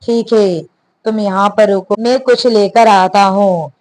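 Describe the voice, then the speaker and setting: A woman reading the lines of a gruff, impatient young husband in a storybook tale. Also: mid-range voice, fairly even intonation, unhurried, a little mellow, close to an everyday voice. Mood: grudging. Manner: curt, irritated.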